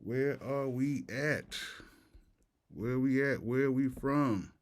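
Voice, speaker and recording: A man's voice: medium pitch, takes it slowly. American man livestreaming with retainers in. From Tampa, Florida. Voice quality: slightly off articulation from wearing retainers. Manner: slangy, repeats greetings and phrases. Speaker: livestream host and music producer. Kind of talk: casual livestream chat.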